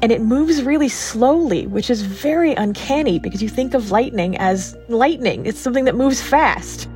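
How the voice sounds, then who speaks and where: A woman's voice: fairly high pitch, lively intonation, moderate pace, darkish tone, faint music behind. A woman telling a personal story in a vivid, descriptive way.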